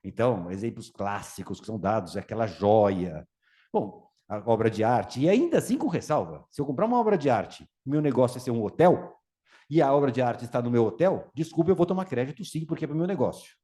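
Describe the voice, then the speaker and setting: Animated Brazilian man giving a talk. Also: mid-range voice, brisk. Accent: Brazilian Portuguese. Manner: animated, acts out voices in anecdotes. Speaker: speaker on tax reform. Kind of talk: lively public talk with acted anecdotes.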